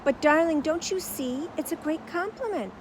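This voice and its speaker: A woman's voice: sits high, expressive, moderate pace, slight background noise, voice pushed up. A woman voicing a gushing, theatrical actress in a storybook. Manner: gushing, says darling.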